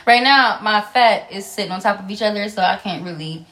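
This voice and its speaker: A woman in her late twenties co-hosting a podcast, talking loudly and projecting her voice in casual, joking chat. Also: medium pitch, brisk. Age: late 20s. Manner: loud, projecting voice; playful, bursts into song. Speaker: podcast co-host.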